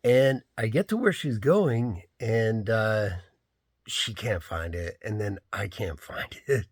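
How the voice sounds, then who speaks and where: A man's voice: fairly low pitch, slow, husky, no room sound, studio quality. A man, a rideshare driver, casually telling a story in a rambling way, full of "like" and "you know".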